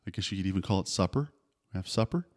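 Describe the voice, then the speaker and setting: A man's voice: low-pitched, lively intonation, very fast. A middle-aged man hosting a podcast, giving candid, down-to-earth parenting advice in a casual way. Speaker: podcast host.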